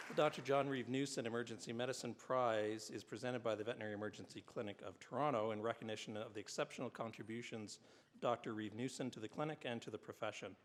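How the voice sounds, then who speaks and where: A man's voice: mid-range voice, steady tone, quick pace, some chatter behind, slight background noise. A man presenting awards at a university ceremony, reading formal citations with the odd "uh" and a dry aside about himself. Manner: reads citations with filler "uh"s, adds dry self-deprecating asides. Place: large hall at a university convocation. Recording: long hall reverb.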